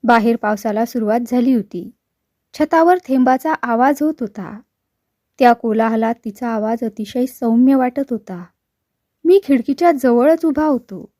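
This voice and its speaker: A woman reading a short story aloud in a measured, expressive way. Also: fairly high pitch, dry recording, studio quality.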